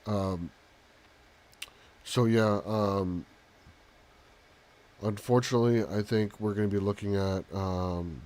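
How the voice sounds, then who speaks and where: A soft-spoken man hosting a live stream with casual commentary, halting often with pauses and ums. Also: fairly low pitch, steady tone. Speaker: live talk show host.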